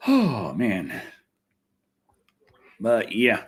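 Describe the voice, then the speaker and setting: Speaking extremely slowly, this livestream host has a fairly low, slightly rough voice that swings hugely in pitch. His chat with viewers is loose and rambling, peppered with expletives.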